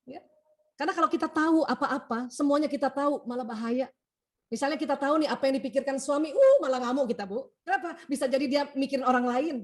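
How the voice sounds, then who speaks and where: High-voiced woman giving a lively talk. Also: quick pace. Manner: animated, acts out quoted dialogue, laughs often; frequent "ya" tag at phrase ends. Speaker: doctor giving a talk on emotions and family.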